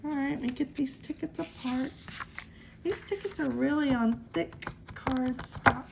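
A woman's voice: sits high, gravelly, very noisy. A woman casually calling out the numbers one by one as she scratches lottery tickets at a table. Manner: slow, calls out numbers one by one.

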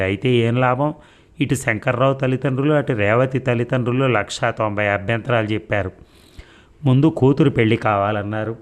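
Low-voiced man narrating a story.

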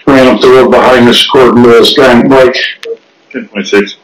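A man's voice: medium pitch, steady tone, a little fast. A man, a security officer, reporting over a two-way security radio in clipped radio codes. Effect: two-way security radio transmission. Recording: noisy, echoey, distant radio audio.

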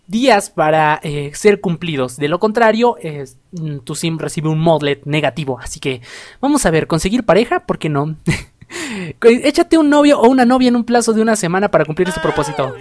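A man's voice: high-pitched, sing-song, moderate pace, no echo, clean studio sound. A man doing playful, chatty let's play commentary for a life-sim game, reading game text aloud and laughing often between lines. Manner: playful, chatty, swings between loud exclamations and murmured asides; laughs often while talking. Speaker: gaming YouTuber.

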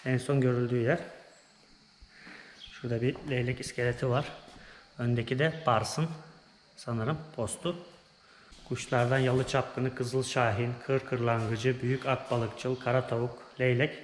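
A man's voice: medium pitch, steady tone, unhurried, long pauses. A young man vlogging as he walks through a small museum, naming the exhibits one after another in short bursts. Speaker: travel vlogger. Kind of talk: casual guided walkthrough. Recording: echoey room, noisy background.

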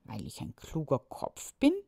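A woman's voice: unhurried, warm tone, no echo, whispered, studio quality, lightly acted. A woman reading a children's story aloud, voicing a proud, kindly male mayor who speaks in a firm, slightly pompous way.

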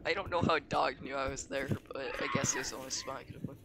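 A teenage boy streamer rattles off joking, rambling gaming commentary in a medium-pitched voice while chatting with a friend. Game audio makes the background noisy.

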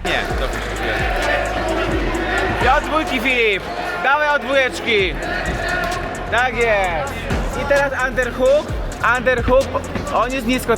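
A man shouting short, repeated coaching commands to a fighter from the corner at a fight event. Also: very high-pitched. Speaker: vlogger cheering on a fighter from the corner. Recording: loud arena crowd and music.

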